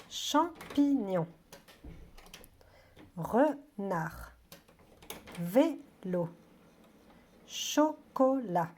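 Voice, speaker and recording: A woman teaching a phonics lesson to young children, saying each word slowly twice in an exaggerated way, patient and clear. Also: mid-range voice, darkish tone. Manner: slow, exaggerated word pronunciation. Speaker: kindergarten teacher.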